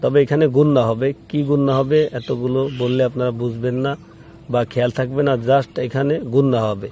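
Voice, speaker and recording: Mellow-voiced man teaching Quran recitation. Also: medium pitch, level tone, a little hiss or hum. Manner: spells out each letter and vowel mark, then chants the word slowly; patient, repeats rules for the listener to remember. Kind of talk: step-by-step recitation lesson.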